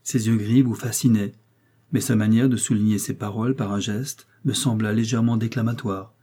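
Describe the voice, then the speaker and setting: A man narrating a classic novel in the first person, with a measured literary reading. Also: fairly low pitch, steady tone, mellow, slightly rough. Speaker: audiobook narrator.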